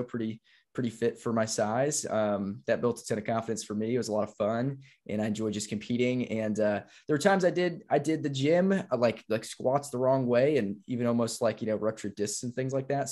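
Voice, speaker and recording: A man's voice: medium pitch, a little mellow. A young man co-hosting a podcast, telling his story casually in loose, hesitant phrases. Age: young adult. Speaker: podcast co-host. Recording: slightly dull, dry sound.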